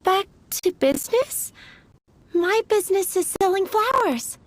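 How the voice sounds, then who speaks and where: A woman's voice: very high-pitched, lively intonation, a little slow. A woman voicing a sweet, timid young female flower seller in an anime game, polite, earnest and a little hesitant. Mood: puzzled. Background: faint music.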